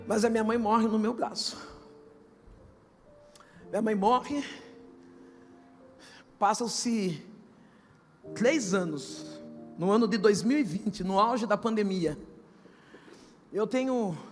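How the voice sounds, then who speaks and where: A middle-aged woman pastor with a Brazilian accent gives a testimony sermon, moving from hushed storytelling to shouted, half-sung preaching. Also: a little high. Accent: Brazilian Portuguese. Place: large church hall. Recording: church hall reverb with music behind.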